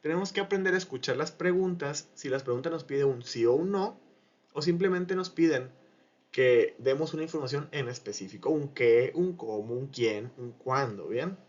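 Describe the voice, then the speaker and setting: A man teaching a language lesson in Spanish, patiently explaining grammar and repeating example sentences slowly. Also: mid-range voice, expressive. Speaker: Japanese teacher. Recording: muffled lo-fi sound.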